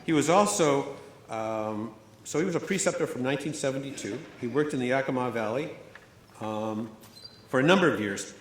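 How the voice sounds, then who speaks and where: An older man giving a measured, storytelling award speech at a graduation ceremony, partly read aloud. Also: mid-range voice, a bit bright, a little hiss or hum. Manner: measured, storytelling delivery with fillers. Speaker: award presenter. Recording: echoey hall, faint ambience.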